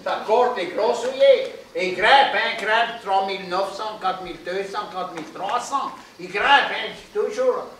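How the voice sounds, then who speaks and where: A man telling jokes live, chatty and peppering every line with "hein". His voice sits fairly high and comes from far off the microphone, with heavy echo from the hall around him. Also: unhurried, hardly any pauses, fairly bright tone, slight background noise. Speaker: joke teller. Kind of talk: live stand-up storytelling.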